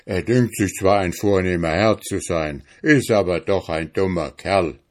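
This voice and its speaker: A man's voice: low-pitched, a little slow. A man voicing a crafty, bossy male hedgehog in a fairy tale. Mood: scheming. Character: sly, gruff male hedgehog.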